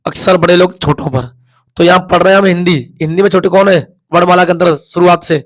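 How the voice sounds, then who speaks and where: Working at the board, this Hindi teacher talks fast in a high-pitched voice with fairly even intonation. He repeats vowel sounds aloud over and over and answers the very questions he asks the class.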